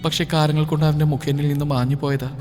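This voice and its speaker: A man voicing a remorseful young wife in an audio story, speaking softly and pleading. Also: a little high, little pitch movement, fast talker, natural voice. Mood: regretful. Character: young wife, guilt-ridden and tearful. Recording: reverberant with faint music.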